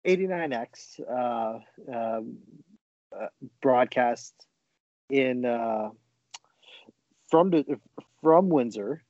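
A man co-hosting a casual podcast, speaking in a laid-back way, halting with many fillers. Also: medium pitch, animated, darkish tone, dry recording, lo-fi sound. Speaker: podcast co-host. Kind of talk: casual chat.

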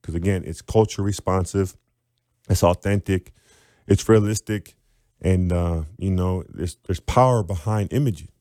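Male teacher-author guest, animated explainer, low warm voice, dry close sound. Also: measured pace, dry recording. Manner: animated, demonstrates sounds aloud.

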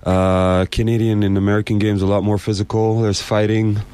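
A man's voice: fairly low pitch, level tone, moderate pace, dark tone, clean tone, no echo. A man giving casual, plain-spoken interview answers as a sports guest, often repeating his phrases.

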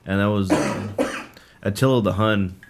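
A man's voice: fairly low pitch, expressive, unhurried, noisy background. A man in his late twenties, a band's drummer, chatting casually in an interview and rambling with lots of fillers and restarts. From Southern California. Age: late 20s. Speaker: drummer in a band.

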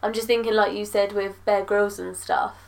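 A woman's voice: medium pitch, flat delivery, moderate pace, vocal fry. A woman guesting on a podcast, teasing and arguing with a laugh in casual chat.

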